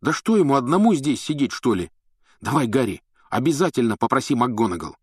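A man's voice: mid-range voice, big pitch swings, a little fast, breathy edge, dry recording, studio quality, voice pushed up. A man voicing an indignant, hot-tempered teenage schoolboy in an audiobook. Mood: coaxing. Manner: loud, indignant, grumbling.

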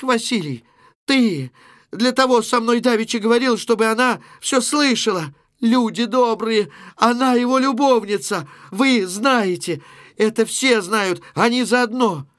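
A man's voice: a bit bright, no room sound, studio quality. A man reading a play aloud, voicing a young woman who cries out and then accuses her sister. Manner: shrill, pleading outcry.

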